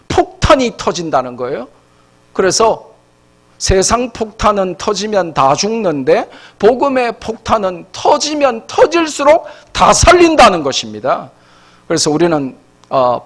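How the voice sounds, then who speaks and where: A middle-aged man with a Gyeongsang Korean accent, preaching a sermon as pastor, with emphatic delivery that swells loud when he reads scripture. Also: on the high side. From South Korea.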